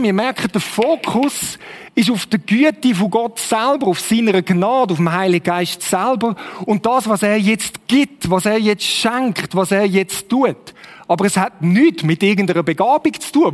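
High-voiced Swiss preacher in a hall. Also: male voice, lively intonation, moderate pace. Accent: Swiss German. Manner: conversational, with rhetorical questions. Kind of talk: sermon. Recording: long hall reverb.

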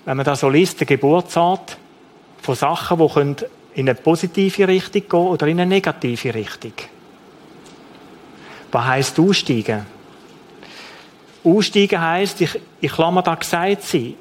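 Male preacher with a Swiss German accent, somewhat high-pitched, delivering an earnest sermon and repeating his key phrases.

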